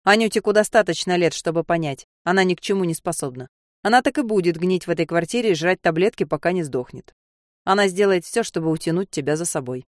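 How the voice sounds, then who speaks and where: A woman's voice: fairly low pitch, quick pace, no echo, studio quality, lightly acted. A woman voicing a harsh, cynical male voice in a heroine's head, speaking bluntly and with contempt.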